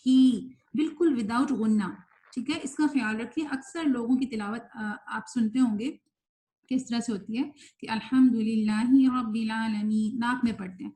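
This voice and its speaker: A woman with a Pakistani Urdu accent teaching Quran pronunciation, explaining patiently and modelling slow drawn-out examples. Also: fairly high pitch, mellow. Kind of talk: recorded online tajweed lesson.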